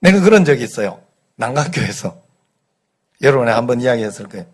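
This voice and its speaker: A middle-aged pastor with a light Gyeongsang accent, preaching a conversational Sunday sermon, telling folksy stories and asking the congregation rhetorical questions. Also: male voice, medium pitch, big pitch swings, fast, husky. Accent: light Gyeongsang dialect. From Gyeongsang region, South Korea.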